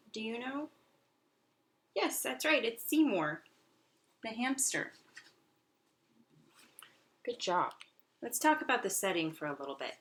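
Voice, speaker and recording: A woman with a medium-pitched, slightly bright voice teaches young pupils in a read-aloud lesson. She is an elementary school teacher who uses simple phrasing, asks frequent questions, and keeps an encouraging, instructional tone. There are noise and clicks in the recording.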